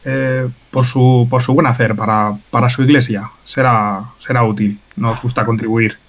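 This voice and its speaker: A man voicing a courteous, discreet Italian scholar in a tabletop game, with a slight put-on Italian accent and polite, halting phrasing. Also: medium pitch, fairly even intonation, lightly acted. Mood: polite, grateful. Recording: muffled voice-chat audio with noise.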